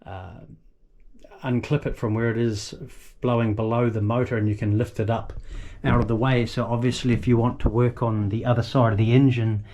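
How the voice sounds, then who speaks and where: Mellow-voiced man giving a casual tour. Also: mid-range voice, little pitch movement. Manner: halting, thinking aloud as he points things out. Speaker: boat owner giving a tour. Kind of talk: casual unscripted walkthrough. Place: small boat engine room.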